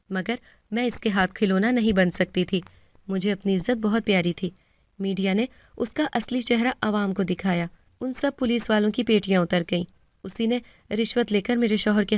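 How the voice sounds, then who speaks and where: A woman with a Pakistani Urdu accent tells a moral story in the first person, speaking steadily and earnestly. Her pitch is medium, and the recording has no echo.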